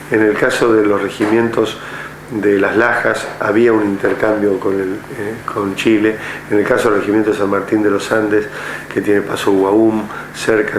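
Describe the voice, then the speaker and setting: An older man from Argentina, a retired army general, speaking measuredly in an oral history interview with many hesitant fillers. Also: lowish voice. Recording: echoey room with faint noise.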